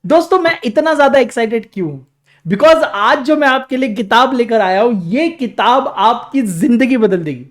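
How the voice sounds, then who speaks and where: Excitable teacher pitching his new book. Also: moderate pace. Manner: excitable, salesy, dramatic emphasis. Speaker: exam coaching teacher. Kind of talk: energetic promotional pitch.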